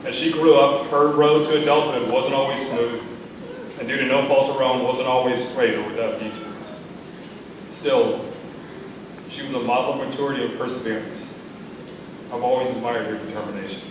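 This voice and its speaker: Middle-aged American male, father of the bride speech, medium pitch, sentimental with gentle humor, heavily reverberant and noisy recording. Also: fairly even intonation, normal speed, pauses often, far from the mic. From Texas, United States. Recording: echoey room from afar, noisy.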